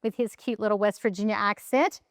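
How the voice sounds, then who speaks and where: A woman's voice: mid-range voice, fairly even intonation, fairly quick, dry recording, clean studio sound. A woman hosting a home cooking demonstration, chatting and thinking aloud as she decorates a cake in her kitchen. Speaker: cooking show host.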